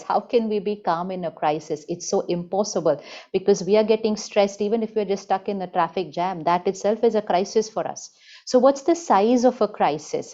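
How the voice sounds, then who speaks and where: A woman spiritual teacher giving an emphatic motivational talk, repeating key lines slowly. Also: mid-range voice, dark tone, muffled recording.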